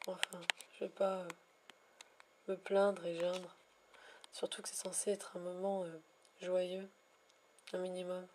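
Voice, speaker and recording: A woman vlogging about her shiny hunts in a wordy, elaborate way, pausing often with hesitations and gushing affectionately at times. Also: lowish voice, flat delivery, noisy background. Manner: ornate, wordy phrasing with frequent hesitations. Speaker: Pokémon shiny hunter vlogger. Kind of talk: casual vlog narration.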